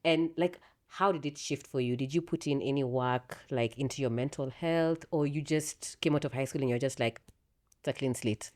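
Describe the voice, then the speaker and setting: Deep low woman podcast host, curious and encouraging, lots of mm-hmms. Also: normal speed, few pauses. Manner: curious, encouraging, many soft backchannels. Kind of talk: candid interview conversation.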